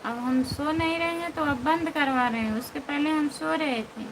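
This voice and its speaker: A woman's voice: sits high, normal speed. A woman with an Awadhi accent hosting a live stream, chatting playfully and teasing viewers by name as she answers their comments. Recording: noisy background ambience.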